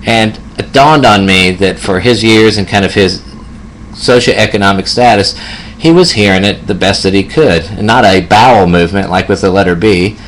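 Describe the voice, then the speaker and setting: A man in his fifties, a hospice nurse, telling a personal story gently with many fillers. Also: fairly low pitch, moderate pace, a little hiss or hum. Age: 50s.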